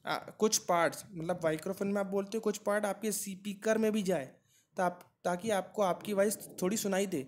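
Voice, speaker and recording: A man with a high, slightly mellow voice teaches an exam-prep lesson, explaining step by step and answering his own questions with frequent "right?" checks.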